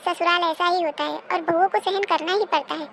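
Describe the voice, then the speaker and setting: Cartoon: a gentle, reasoning young married daughter, voiced by a woman, very high voice. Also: steady tone, brisk, a little hiss or hum. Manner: soothing, advising, reasonable. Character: calm, sensible married daughter visiting home. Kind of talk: cartoon dubbing.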